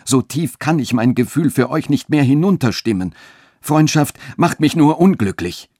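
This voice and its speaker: A man's voice: medium pitch, lively intonation, normal speed, a little mellow, husky, dry recording, studio quality, voice pushed up. A man voicing a passionate young lover who pleads fervently and urgently. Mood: pleading ardently.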